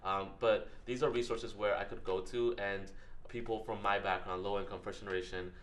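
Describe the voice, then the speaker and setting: Young male panelist, earnest, repeats words, quick, lowish voice. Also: steady tone, fairly bright tone, a little hiss or hum. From United States. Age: young adult. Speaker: student panelist. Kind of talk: panel discussion answer.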